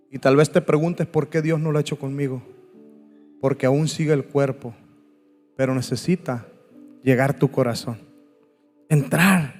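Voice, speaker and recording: Man, fervent testimony preaching, fairly high voice, long echo, soft music behind. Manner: dramatic, swings from loud pleading to hushed. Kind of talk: impassioned testimony sermon.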